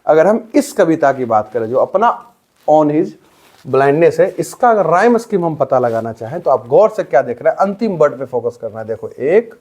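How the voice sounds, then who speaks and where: Mellow-voiced teacher. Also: male voice, on the high side, sing-song, normal speed. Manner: explains step by step, repeats words, asks rhetorical questions. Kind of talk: Hindi explanation of an English poem for school students.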